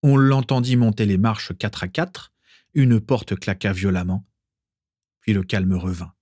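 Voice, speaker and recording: A man narrating an audiobook with expressive, dramatic storytelling. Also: fairly low pitch, a little slow, no echo. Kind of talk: audiobook reading.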